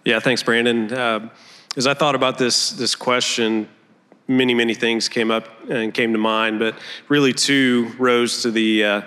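Church elder guy sharing thoughts, bit halting, smooth clear voice, echoey hall. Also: medium pitch, flat delivery, bright, forceful tone. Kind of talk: informal testimony to a congregation. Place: large indoor church gathering room. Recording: reverberant hall, amplified speech.

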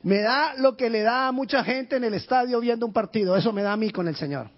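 A male pastor delivers a fervent sermon in a high, husky voice. He climbs to shouted bursts and sinks to hushed, low lines. The recording sounds dull and lo-fi. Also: a little fast. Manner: impassioned, shouting in bursts then dropping low.

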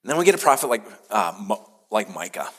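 Conversational pastor in a reverberant hall. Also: male voice, lowish voice, fast talker, breathy edge. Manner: conversational, animated when quoting scripture. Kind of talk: sermon.

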